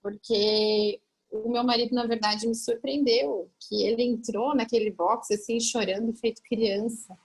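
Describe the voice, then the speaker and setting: Lively woman mentor with a higher voice. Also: a little slow, slightly rough. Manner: animated, acts out quoted dialogue, restarts when moved. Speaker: group mentor. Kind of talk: emotional personal storytelling.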